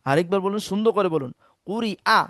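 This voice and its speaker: A man's voice: high voice, lively intonation, a bit bright, no room sound. Man drilling Quran syllables, dry sound. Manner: slow drilling, repeats each syllable several times; prompts listeners to repeat after him. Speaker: Quran reading teacher. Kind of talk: Quran spelling lesson with repetition drills.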